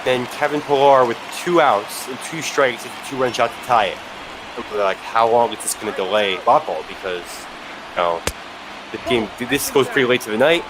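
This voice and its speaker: Man, color commentary, mid-range pitch, conversational sports analysis, clear background noise. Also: moderate pace.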